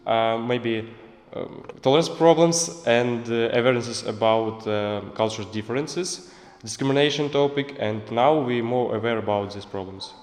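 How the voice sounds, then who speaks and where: A man's voice: medium pitch, moderate pace. Young man speaking briefly in echoey hall. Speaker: project participant.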